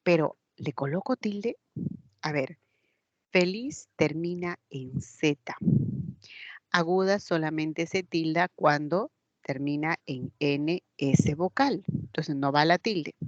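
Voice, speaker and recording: A woman teacher with a Peruvian Spanish accent walks her online class through each point slowly and patiently, often checking that they follow. Her voice sits on the low side. The sound is dry and close, though dull and lo-fi. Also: dry recording. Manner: patient, explains step by step, checks with "¿ya?". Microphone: computer mic in a video class.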